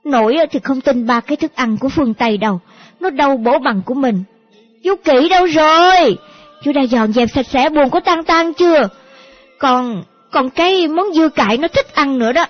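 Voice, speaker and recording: A woman's voice: sits high, normal speed, natural voice. A woman voicing a doting old grandmother. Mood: bustling. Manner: fussing, repeating herself. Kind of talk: audiobook character voice. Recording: dull lo-fi audio with faint music.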